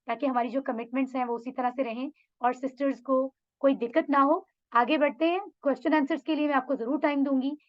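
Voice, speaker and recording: A woman's voice: high-pitched, muffled recording. A woman teaching an online Arabic class, encouraging her students and mixing English phrases into her Urdu. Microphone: video call mic.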